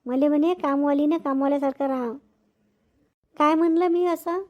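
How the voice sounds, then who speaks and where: Woman playing a touchy, high-voiced village housemaid. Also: fairly even intonation, muffled recording, close to an everyday voice. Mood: aggrieved. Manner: sharp, quick to snap, aggrieved. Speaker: actor in a village family drama. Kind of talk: village comedy-drama acting.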